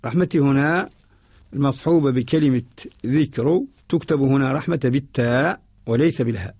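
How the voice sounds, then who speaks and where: A man with a Mauritanian accent teaching a poem on Quran spelling in a radio lesson. He explains in a measured, methodical way and repeats set phrases. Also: medium pitch, a little mellow, breathy edge, no room sound, clean studio sound. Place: radio studio.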